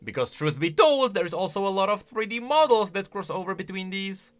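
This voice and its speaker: This man's high-pitched, brisk voice carries his animated, informal take on game voice lines, punctuated by emphatic bursts and softer asides.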